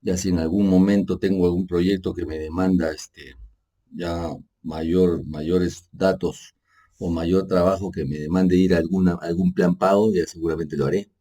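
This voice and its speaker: A steady-toned man with a low, deep, dark and mellow voice gives an unscripted screen-share tutorial. An energy manager and native Spanish speaker, he explains software casually and unhurriedly, halting to correct himself and often adding "pues" and "¿no?" as he works on screen.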